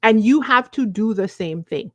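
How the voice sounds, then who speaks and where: A woman's voice: fairly high pitch, lively intonation, normal speed, a bit bright, no room sound. A woman in her forties with a Virgin Islands accent, giving an emphatic, conversational motivational talk to viewers, often checking in with short questions. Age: 40s. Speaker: self-help coach.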